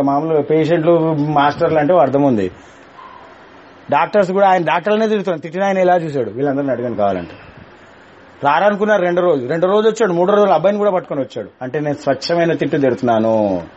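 A man's voice: high-pitched, a little mellow, dull audio. A man teaching a class on spirituality, talking in a colloquial, teasing way and dropping English words into his speech.

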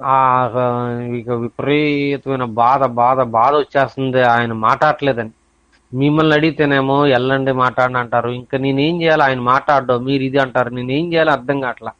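A man's voice: medium pitch, fairly even intonation, normal speed, a bit bright, no room sound. A man earnestly recounting a spiritual experience to his teacher, repeating himself as he searches for words. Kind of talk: personal account to a teacher. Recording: dull lo-fi dry recording.

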